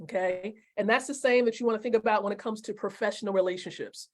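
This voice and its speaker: A woman in her forties teaching network marketing on a live stream, emphatic and repeating her key points slowly while asking viewers questions. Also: mid-range voice. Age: 40s.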